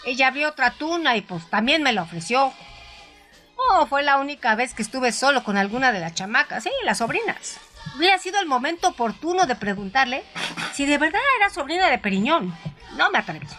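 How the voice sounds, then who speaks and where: A woman delivers dramatized first-person audiobook narration in a high, bright, sing-song voice. Her telling is dramatized yet conversational, with hesitant pauses as if the story were her own. Soft music plays in the background.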